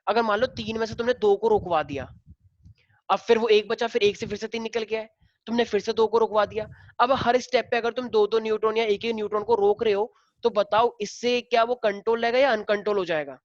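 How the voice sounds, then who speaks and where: A man's voice: sits high, steady tone, brisk, no room sound. Guy teacher chatting thru a lesson, asks the kids stuff constantly, dull dry recording. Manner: explains by asking the class questions; casual, familiar with students. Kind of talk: classroom lecture.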